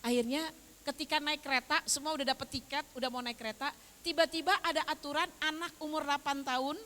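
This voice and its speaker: Older woman religious teacher, Indonesian accent, lively storyteller, fairly high voice, hall reverb with faint hiss. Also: fast talker. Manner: animated, acts out the voices of her story.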